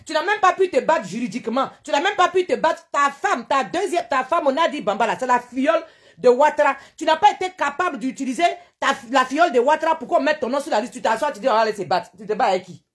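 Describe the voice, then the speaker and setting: A woman's voice: sits high, animated, fast. A woman with an Ivorian French accent hosts a live stream, scolding indignantly and hammering the same rhetorical questions. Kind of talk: live-stream political rant.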